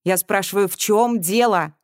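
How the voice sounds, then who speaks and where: A woman's voice: medium pitch, normal speed, darkish tone, dry recording, clean studio sound, natural voice. A woman reading aloud and voicing a cold, scheming middle-aged official who talks in curt threats. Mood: demanding. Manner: curt, menacing.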